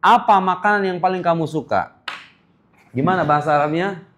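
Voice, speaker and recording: Higher-voiced man drilling Arabic phrases. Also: a bit bright, a little hiss or hum. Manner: repeats phrases slowly for students to echo, playful asides. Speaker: Arabic teacher. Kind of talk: classroom language drill. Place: classroom.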